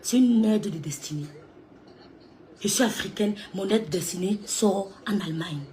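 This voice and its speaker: A woman's voice: medium pitch, measured pace, dark tone. A woman ranting on a live stream, scolding someone, repeating herself and laughing mid-sentence. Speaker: social media live streamer. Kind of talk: heated live-stream rant.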